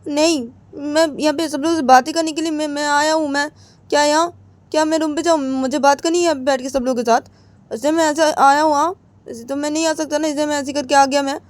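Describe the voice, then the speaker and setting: A woman's voice: high-pitched, steady tone, brisk, dry recording, pitched above the performer's own voice, close to an everyday voice. A woman voicing a stubborn young woman who argues back and insists on staying, in a raised voice. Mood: insistent.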